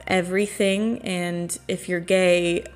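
A woman's voice: lowish voice, flat delivery, slow, soft background music. A woman co-hosting a casual podcast, explaining and summarizing in an easygoing way, with the odd swear word. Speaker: podcast co-host. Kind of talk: casual conversational discussion.

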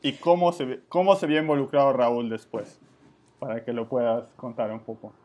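A man's voice: mid-range voice, steady tone, moderate pace, darkish tone. A man interviewing a friend in a casual conversation, asking friendly, curious questions and recalling shared memories.

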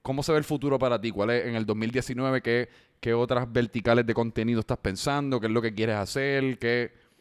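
Man, podcast host, joking, swears casually, mid-pitched, smooth clear voice. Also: steady tone, fairly quick.

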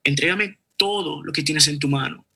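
Man playing a calm, commanding emperor in a told story; husky, forceful, near his own voice. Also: a little high, moderate pace, dry recording, studio quality, exaggerated voice.

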